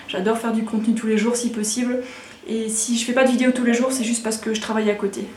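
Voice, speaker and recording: A woman's voice: fairly high pitch, level tone, fast talker, a little mellow, reverberant, a little hiss or hum. A woman in her thirties from Alsace, chatting casually and frankly as a vlogger, rambling with lots of fillers and restarts. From Alsace, France. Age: 30s. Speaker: vlogger answering viewer questions. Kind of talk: casual chat.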